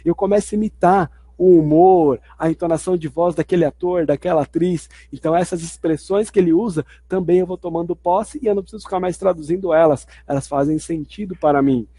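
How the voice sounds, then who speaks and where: A man's voice: fairly high pitch, a little fast, hardly any pauses, mellow, husky, no room sound. A man teaching a video lesson in an explanatory way, restating each point twice. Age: adult. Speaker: language teacher.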